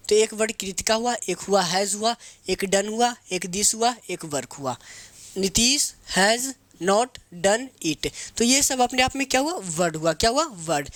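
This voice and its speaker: A man's voice: high-pitched, fairly bright tone, no echo. A man teaching an English grammar lesson. He asks his own questions and answers them, repeats each term and spells words out letter by letter. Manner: calls students babu and beta. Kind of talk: spoken grammar lesson with drills.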